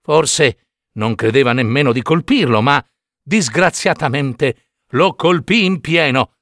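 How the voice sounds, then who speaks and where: A man reading a children's story aloud in a lively, unhurried way. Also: medium pitch, dry recording, clean studio sound.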